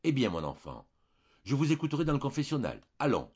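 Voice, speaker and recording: A man voicing a good-natured country priest who gently coaxes and encourages a hesitant parishioner, read from a storybook. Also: mid-range voice, wildly swooping pitch, brisk, breathy edge, dull audio, voice pushed up. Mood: coaxing. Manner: kindly, coaxing, briefly priestly.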